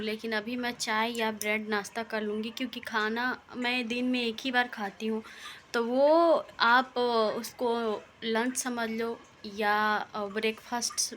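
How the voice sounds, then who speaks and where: Young woman from India, home vlogger, unhurried and pausing, slightly higher voice. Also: bright, forceful tone, slight background noise. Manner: slow, deliberate, pausing often. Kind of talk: casual home vlog narration. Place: home, indoors.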